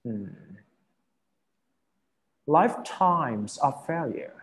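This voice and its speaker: A man's voice: a little high, lively intonation, drawn-out words. A man teaching an English vocabulary lesson, explaining word by word and often checking that his students follow.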